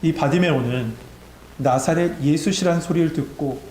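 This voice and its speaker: In an echoey church sanctuary with a faint hum, a male pastor preaches a sermon to his congregation. His voice is on the high side and a little mellow, at a moderate pace, as he exhorts listeners and builds to emphatic peaks.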